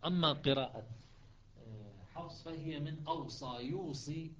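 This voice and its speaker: A man's voice: fairly high pitch, animated, normal speed, lo-fi sound. A man teaching a classroom lesson on Quran recitations, explaining step by step, repeating words and checking that his students follow.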